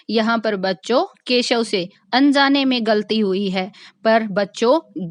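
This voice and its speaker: A woman's voice: fairly high pitch, no echo. A woman teacher explaining a textbook story to children, retelling each line in simpler words and addressing them directly. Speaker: school teacher.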